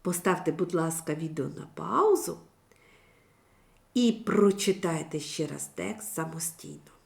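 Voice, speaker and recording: Slow, clear-spoken teacher woman. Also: low-pitched, animated, darkish tone. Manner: slow, clearly articulated, instructive. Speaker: primary school teacher. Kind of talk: recorded video lesson.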